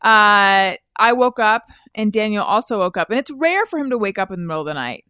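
A woman's voice: mid-range voice, fairly quick, clear, resonant tone, no room sound, clean studio sound. A woman hosting a casual comedy chat, telling stories with lots of acted-out quotes and laughter. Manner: animated storyteller, acts out quotes, laughs often. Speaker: podcast host.

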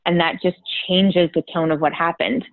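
A woman's voice: on the low side, fairly even intonation, normal speed, vocal fry, dry recording. A woman drama therapist explaining her ideas in a podcast interview, often checking in with "right?". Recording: phone-like dry line.

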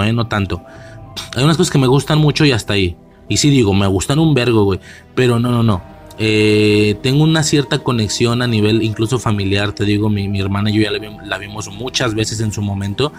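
Slangy low-voiced Mexican man. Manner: rambling, slangy, frequent fillers and restarts. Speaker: movie reviewer. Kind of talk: casual film commentary.

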